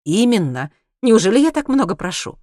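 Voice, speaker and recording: Male narrator as a cold, menacing scientist interrogator; measured, icy, dry studio. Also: high voice, sing-song, no echo, voice pushed up. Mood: coldly probing. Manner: slow, icy, measured, bursting into shouts. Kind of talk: audiobook character reading.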